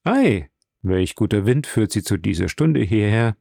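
A man's voice: on the low side, sing-song, a little slow, vocal fry, mellow, no room sound, studio quality, heavily acted. A man reading the part of a wealthy, composed count in an audiobook, courteous with a touch of irony. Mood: calm, courteous. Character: suave wealthy count, calm and commanding.

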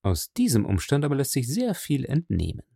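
A calm, shrewd detective reasons aloud, as a man reads the story. His voice is lively in pitch, with a gravelly grain, and sounds dry and close. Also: no room sound. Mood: thoughtful. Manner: measured, thoughtful, quietly probing.

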